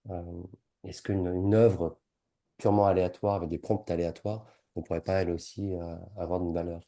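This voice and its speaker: A man asking a question on a video call, halting, with many restarts and self-corrections. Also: low voice, level tone, mellow. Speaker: webinar participant asking a question. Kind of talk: casual spoken question.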